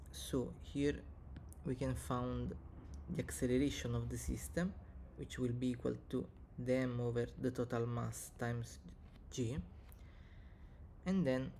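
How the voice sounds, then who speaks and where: A man who is not a native English speaker teaches physics step by step, dictating equations in short, halting pieces. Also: mid-range voice, warm tone, a little hiss or hum. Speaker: physics tutor, video presenter. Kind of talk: step-by-step maths lesson, reading out equations.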